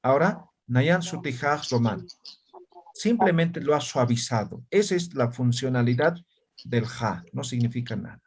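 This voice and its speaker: A man's voice: mid-range voice, moderate pace. A man teaching an online language class, explaining patiently and checking often that students follow.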